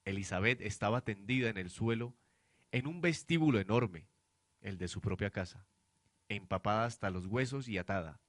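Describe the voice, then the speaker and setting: A young adult man with a lowish voice reads dramatic scripted narration for a radio drama at a moderate pace. The sound is dry and studio quality, though it comes from a noisy amateur student production.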